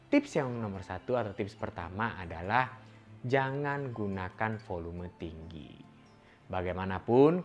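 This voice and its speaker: A man giving an instructional talk on parenting, explaining patiently and demonstrating different tones of voice. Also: mid-range voice. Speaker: parenting educator.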